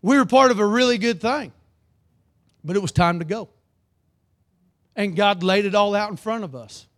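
A man preaching a sermon, reading scripture aloud and calling for amens, swinging between loud emphatic lines and low earnest ones. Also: moderate pace.

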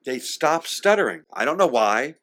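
Speaking at normal speed, a man in his sixties reminisces as an interview guest; he's a singer and actor. His mid-range voice is a bit bright and swings widely in pitch, he occasionally stutters or restarts, and he mimics the people he quotes, with a little hiss or hum in the background.

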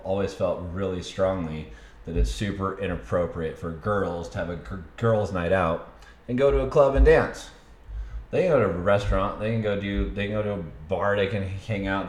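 A man's voice: sits low, steady tone, moderate pace, a little hiss or hum. A man co-hosting a casual couple chat, speaking bluntly and teasingly. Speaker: podcast co-host. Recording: echoey room.

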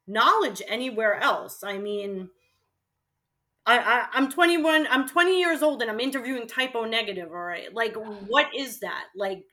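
Her voice runs a little high and her pace moderate as this middle-aged former college radio host looks back on the past during an interview. Casual, lively and emphatic, she keeps dropping "like" into her sentences.

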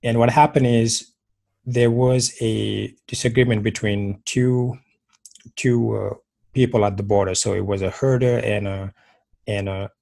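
A man's voice: lowish voice, level tone, measured pace, creaky, dark tone, no echo. A man from Senegal, a guest on a podcast, telling his life story earnestly in conversation, often restarting and repeating words. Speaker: podcast guest, motivational speaker and life coach.

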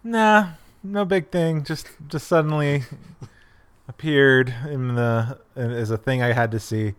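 A man's voice: mid-range voice, fairly even intonation, slow, smooth. Hesitant man on a podcast. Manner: hesitant, self-deprecating, many fillers. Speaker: podcast co-host. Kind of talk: casual film podcast chat.

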